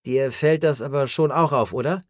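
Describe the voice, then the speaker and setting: A man's voice: medium pitch, moderate pace, no echo, studio quality, close to an everyday voice. A man reading an audiobook voices an agitated, worried man who keeps pressing with questions. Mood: questioning.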